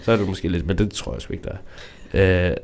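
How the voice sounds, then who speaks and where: A man's voice: low voice, a little mellow. A man hosting a casual chat, musing and rambling as he thinks aloud. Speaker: host.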